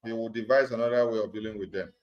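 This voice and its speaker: A man's voice: fairly low pitch, fairly even intonation, rapid-fire. A man speaks on a conference call, addressing supporters in an emphatic, repetitive way. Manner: emphatic and repetitive, hammering points. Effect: conference call audio. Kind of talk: political address on a group call. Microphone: phone or computer on a group call. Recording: dull lo-fi conference call line.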